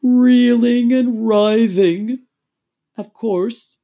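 Woman as slow, mournful Mock Turtle. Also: fairly high pitch, fairly even intonation, dark tone, voice pushed up, exaggerated voice. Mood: slow, doleful. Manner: very slow, drawn-out, mournful delivery with sighs. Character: sad, sighing, weepy old male turtle creature.

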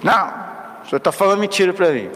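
A man's voice: sits high, lively intonation, fast, fairly bright tone, long reverb tail, pitched above the performer's own voice. A priest acting as a blunt homeless man. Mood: blunt, sad.

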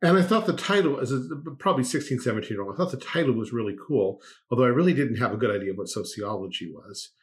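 A man's voice: mid-range voice, expressive, fast, few pauses. A man co-hosting a podcast in casual discussion, with dry sarcasm, frequent laughter and sentence restarts. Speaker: podcast co-host.

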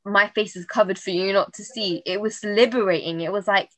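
A woman's voice: mid-range voice, fairly even intonation, a little fast, fairly bright tone, no room sound, low-quality recording. Earnest woman on a dry close mic. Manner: earnest, given to long reflective monologues. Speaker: podcast co-host. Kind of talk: heartfelt casual chat.

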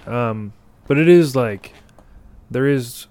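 A man's voice: mid-range voice, slow, darkish tone, no echo. Young guy, late 20s, laid back, just hanging out and chatting. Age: young adult. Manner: easygoing, affirming, conversational. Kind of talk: casual chat.

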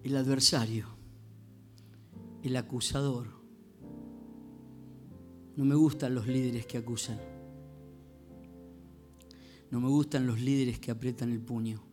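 A male pastor, preaching a sermon in a church with animated storytelling and questions to the congregation. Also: mid-range voice, measured pace, pauses often, faint music behind. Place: church sanctuary.

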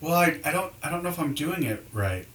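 A man co-hosting a casual podcast, joking around in an unhurried way. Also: on the high side, expressive, fairly bright tone, reverberant, distant mic. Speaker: podcast co-host. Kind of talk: casual chat.

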